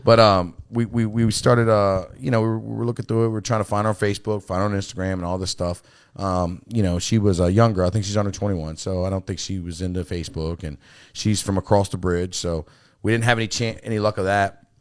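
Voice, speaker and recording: Speaking quickly with a lowish, clear, resonant voice and fairly flat intonation, this podcast host keeps the chat casual, curses freely, and leans on "you know what I mean." The studio mic recording is studio quality with no room sound.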